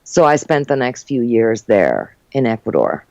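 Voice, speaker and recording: In a casual interview, an older woman born in Uruguay and raised in New Jersey and New York recounts her story with warmth, many fillers and frequent laughs. Her voice is extremely low and sing-song at normal speed. The recording is muffled, with no echo.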